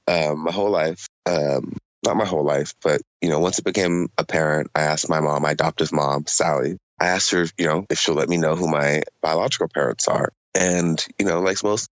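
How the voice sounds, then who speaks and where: A man in his twenties from Southern California, a podcast guest telling his story in a relaxed, chatty way with lots of fillers. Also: deep voice, no echo, highs cut off. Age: 20s. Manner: relaxed and chatty, many "um" and "you know" fillers. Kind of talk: casual interview storytelling.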